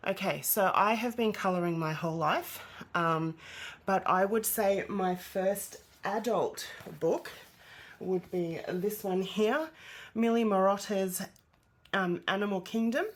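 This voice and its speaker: Slow, breathless, nasal woman vlogger. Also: mid-range voice. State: congested. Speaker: colouring channel host. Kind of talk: casual vlog chat.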